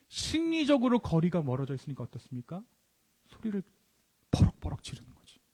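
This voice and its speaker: High, lively pastor preaching in a reverberant church. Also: male voice. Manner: rhetorical questions answered himself, dropping to soft low endings. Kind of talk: sermon. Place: church sanctuary. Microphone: handheld or stand mic.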